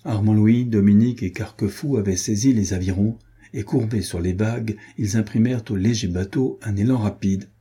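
Man reading a novel aloud, lowish pitch, steady measured narration. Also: breathy edge. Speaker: audiobook narrator. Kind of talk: scripted narration.

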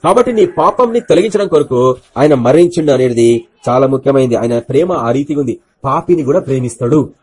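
A man preaching a Good Friday sermon, firing rhetorical questions at the congregation and swinging between loud bursts and quiet asides. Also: mid-range voice, expressive, fairly quick, breathy edge. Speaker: pastor.

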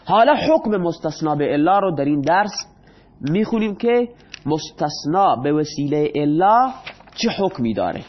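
High-voiced man teaching grammar. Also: big pitch swings, dull audio. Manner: asks students questions and answers them himself; reads the Arabic examples out slowly. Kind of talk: explaining Arabic grammar in Persian.

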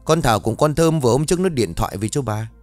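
A gruff older village husband scolding his wife, his voice rising and falling a lot as he grumbles, as a male narrator plays him in an audio storybook. The sound is dry and close, with faint music behind. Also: mid-range voice, lively intonation, quick pace, a little mellow, dry recording, natural voice.

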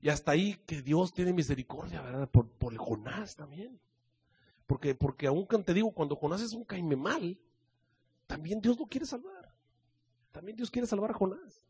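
A man with a Mexican accent preaching a sermon, telling the story in an animated, colloquial way full of slangy asides. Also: high-pitched, moderate pace, husky.

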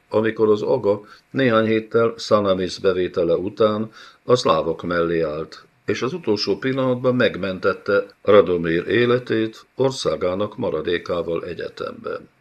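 Male narrator, very low voice, steady dramatic reading; slightly muffled recording. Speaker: audiobook narrator. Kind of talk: scripted fantasy narration.

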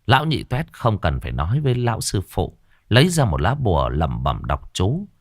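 Male storyteller, ghost story narration, low voice, very animated pitch, dry close sound. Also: normal speed, no room sound. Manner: dramatic, expressive storytelling.

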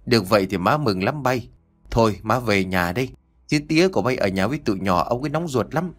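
A man's voice: on the low side, expressive, a little fast, soft background music. A man voicing an anxious elderly country mother who rambles and stammers on the phone. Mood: anxious, chatty. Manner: rambling, stammering southern-rural speech.

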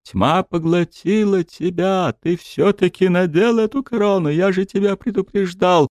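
A man voicing a grave, stern king who speaks slowly and solemnly, admonishing. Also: high-pitched, darkish tone, dry recording, studio quality, pitched above the performer's own voice. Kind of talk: audiobook character voice.

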